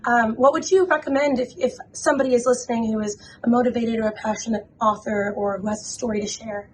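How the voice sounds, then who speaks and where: Higher-voiced woman host, upbeat. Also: fairly even intonation, fast talker, a little hiss or hum, poor audio. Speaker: interview host. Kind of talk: conference interview. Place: conference venue.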